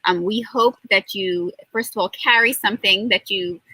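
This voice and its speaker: A woman's voice: mid-range voice, normal speed, slightly rough, no echo, poor audio. A middle-aged woman hosting an interview, talking at an easy pace with many fillers. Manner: many fillers, warm thanks to guests. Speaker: host. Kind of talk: conversational interview.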